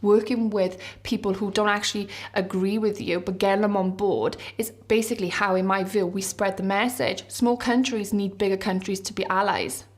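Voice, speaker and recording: A woman with a South Wales valleys accent and a medium-pitched voice. She explains her views earnestly, as if to an interviewer. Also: fairly even intonation, normal speed, few pauses. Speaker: vegan activist. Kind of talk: documentary interview.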